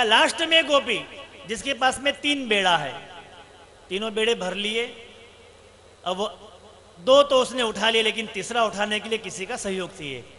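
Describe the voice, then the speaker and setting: A man's voice: very high-pitched, bright, forceful tone. A man, a monk, preaching a sermon with storytelling, rhetorical questions and emphatic repetition.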